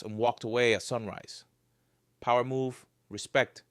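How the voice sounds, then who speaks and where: A man narrates a creepy survival tale in the first person, keeping a dry, joking edge even at the darkest moments. His voice sits at an everyday middle pitch. The recording is close and dry, with no room sound. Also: smooth, no room sound. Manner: wry, joking storyteller with dark humor.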